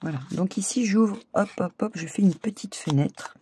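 A woman's voice: medium pitch, moderate pace, warm tone, a little hiss or hum. A woman hosting a casual crafting tutorial, chatting and narrating her steps as she works. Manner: chatty, talks while working, many fillers. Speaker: crafting video host.

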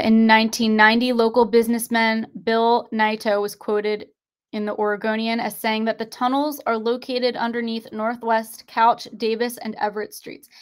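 A young woman talks into her webcam from her desk, reading articles to her live viewers and pressing them with insistent rhetorical questions. Her voice sits a little high. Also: clear, resonant tone. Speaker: online show host. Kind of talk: conspiracy commentary livestream. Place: indoors at a desk, screen-sharing.

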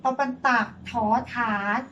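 A woman teacher leading a reading lesson for young children, spelling words out and praising her pupils gently. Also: unhurried, dull audio.

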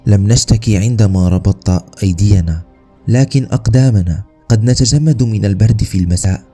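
A man's voice: deep voice, a little fast, mellow, faint music behind. A man voicing a frightened young man pleading. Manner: pleading, submissive.

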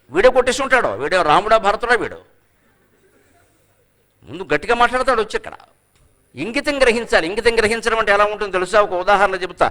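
An older man delivers a spirited lecture, teaching through stories. His voice sits high and carries a bright, ringing edge. He slips into quoted voices and chants classical verse slowly between the explanations. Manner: lively, mixes in Sanskrit verse chanted slowly, acts out quoted characters. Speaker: scholar and lecturer. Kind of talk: public lecture to law students.

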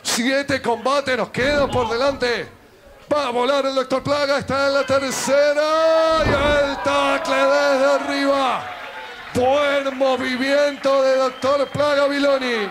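A man with an Argentine accent calling live wrestling as an excited, emphatic play-by-play commentator who repeats his phrases. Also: very high-pitched. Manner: emphatic, repeats phrases, drawn-out exclamations at big moves. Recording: loud crowd and arena noise. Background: wrestling crowd in small indoor arena.

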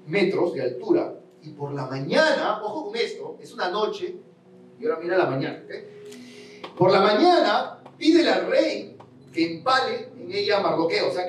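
A man's voice: sits high, sing-song, moderate pace, a little hiss or hum. A male pastor preaching a sermon, retelling a Bible story with acted voices and asking his congregation rhetorical questions with emphatic repetition. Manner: storytelling, acts out voices of the king and Haman. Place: large church sanctuary. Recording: roomy church sound from a distance.

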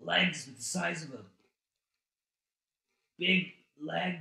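A young man riffing on a bad movie with deadpan, absurd jokes. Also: fairly high pitch, slow pace, creaky, echoey room. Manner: jokey, deadpan absurd asides. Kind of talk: casual movie riffing commentary.

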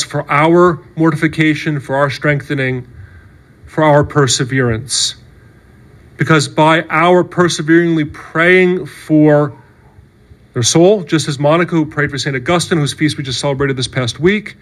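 A man's voice: a little high, a bit bright. A male priest giving a sermon in an earnest, conversational way, often checking in with "right?" and "okay". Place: church.

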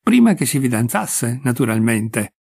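A man reading the lines of a practical middle-aged widowed mother, matter-of-fact and soft-spoken. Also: medium pitch, sing-song, normal speed, gravelly, slightly rough, full character voice.

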